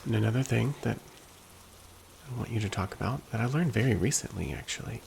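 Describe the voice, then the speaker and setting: A man speaking in a slow, soft, hushed and gentle ASMR pep talk style, at times whispery. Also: a little hiss or hum. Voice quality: low, very creaky. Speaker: ASMR host.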